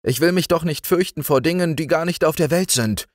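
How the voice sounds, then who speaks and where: A man doing a bright brave little girl. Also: fairly high pitch, fairly quick, dry recording, studio quality, pitched above the performer's own voice, natural voice. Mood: cheerful. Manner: bright, lively, eager child voice.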